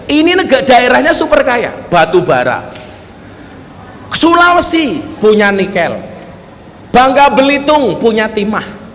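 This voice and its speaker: Male preacher, high voice, comic storyteller who keeps addressing the crowd; long hall reverb, faint noise behind. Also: big pitch swings, a little slow, pauses often, a bit bright. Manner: joking storyteller, often turning to the audience with "Pak". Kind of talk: humorous sermon. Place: public gathering with local officials.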